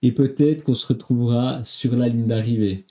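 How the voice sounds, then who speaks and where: Dark-voiced French fitness vlogger. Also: male voice, medium pitch, fairly even intonation, moderate pace. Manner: upbeat, direct, speaks to viewer. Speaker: fitness coach. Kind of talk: motivational voice-over vlog.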